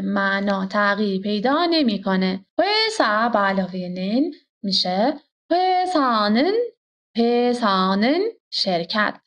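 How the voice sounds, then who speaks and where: A woman teaching a language grammar lesson, explaining carefully and repeating her example sentences slowly. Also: mid-range voice.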